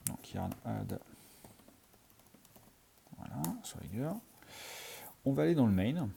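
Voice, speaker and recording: A man's voice: fairly low pitch, animated, slow pace, vocal fry, noisy background. A man teaching programming in a screencast, talking through his code as he types, with many fillers. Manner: thinks aloud while typing, many fillers. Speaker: programming tutor. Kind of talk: screencast coding tutorial.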